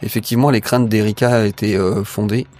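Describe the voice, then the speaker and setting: A man playing a tabletop role-playing game, improvising his lines and actions in a hesitant, measured way. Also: on the low side, steady tone, darkish tone. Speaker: tabletop role-play player. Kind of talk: improvised in-character play and narration.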